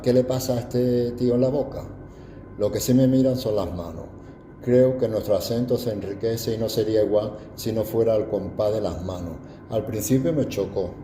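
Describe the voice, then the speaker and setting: A man's voice: fairly low pitch, mellow, reverberant, slight background noise. An older man from Andalusia with an Andalusian accent, giving a proud, reflective personal testimony. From Andalusia, Spain.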